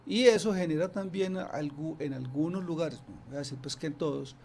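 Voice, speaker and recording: A man's voice: on the high side, fairly quick, darkish tone, a little hiss or hum. A man from Antioquia, a guest on a radio interview, explaining casually with many restarts and fillers. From Antioquia, Colombia. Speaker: snake expert guest. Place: radio studio.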